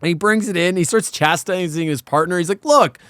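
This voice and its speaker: A man co-hosting a casual film discussion, retelling things in an animated, sweary way and acting out quotes. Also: high voice, fairly quick, clear, resonant tone, dry recording, clean studio sound. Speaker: podcast co-host.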